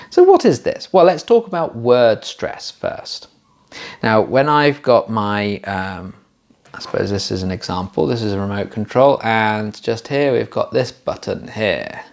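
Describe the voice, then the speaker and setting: A man's voice: lowish voice, creaky. A man teaching exam pronunciation in a patient, explanatory way, showing how stress and intonation work. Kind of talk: explanatory lesson.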